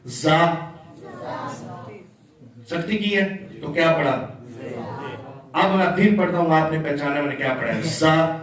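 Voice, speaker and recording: A man teaching letter sounds in a patient classroom style, drawing out and chanting each sound for his students. His voice sits a little high and comes from some distance off the mic. The room rings with heavy echo around him. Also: long pauses. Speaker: Quran recitation teacher. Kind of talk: classroom tajweed lesson. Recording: echoey room, mic far off.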